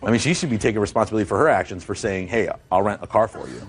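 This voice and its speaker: A man's voice: lowish voice, expressive, racing, a faint crowd. A man testifying as a defendant in a TV court, rambling, repeating himself and defending himself. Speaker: defendant in a TV small-claims court. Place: TV courtroom studio.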